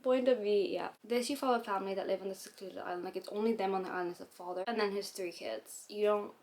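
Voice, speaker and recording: Woman book vlogger, casual chat, quick and rambling, ongoing hiccups. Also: mid-range voice, fairly even intonation, darkish tone. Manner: rambling, chatty, loose.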